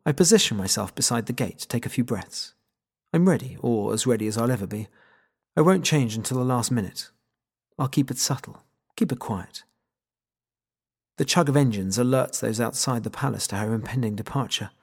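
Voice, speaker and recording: A man reading a first-person novel aloud in a sardonic, wry manner, with a husky, gravelly voice. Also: mid-range voice, animated, moderate pace. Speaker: audiobook narrator. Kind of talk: first-person scripted narration.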